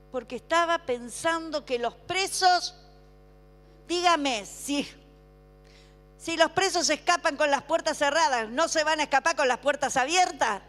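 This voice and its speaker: A woman preaching a sermon, calling on the congregation to repeat after her and dropping to a hush for emphasis. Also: high voice. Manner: call-and-response, asks congregation to repeat; swings between emphatic slow declarations and hushed drops. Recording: long hall reverb with faint music.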